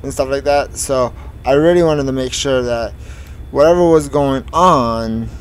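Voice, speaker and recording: While driving trucks in a game, a teenage streamer casually unspools a long school story in an unhurried, mid-range voice. He rambles, filling the gaps and restarting often. The rough recording has a slight hiss or hum.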